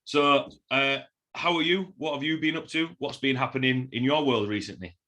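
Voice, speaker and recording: A man with a broad Yorkshire accent hosting a casual podcast interview in a halting way, often repeating words. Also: mid-range voice, sharp tone. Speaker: podcast host.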